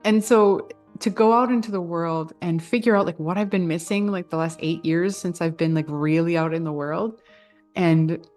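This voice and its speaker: Woman vlogger, low-ish voice, earnest and effusive, casual chat with faint music. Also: normal speed, darkish tone. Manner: earnest, gushing, many fillers. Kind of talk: casual heartfelt vlog talk.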